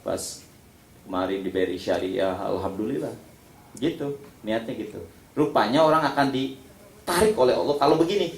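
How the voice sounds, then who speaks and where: Male preacher, lively and joking with the congregation, echoey hall, mid-range voice. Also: mid-range voice, moderate pace, vocal fry, pauses often. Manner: lively, joking, calls on listeners by name. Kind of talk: sermon. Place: prayer hall. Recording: echoey hall, faint ambience.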